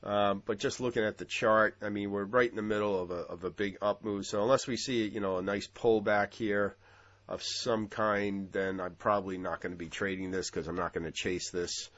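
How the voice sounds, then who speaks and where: Deep-voiced stuffy man reviewing charts. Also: moderate pace, highs cut off. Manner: relaxed, with frequent ums and uhs. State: stuffy, congested from a cold. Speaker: futures trading analyst. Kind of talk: casual market commentary over charts.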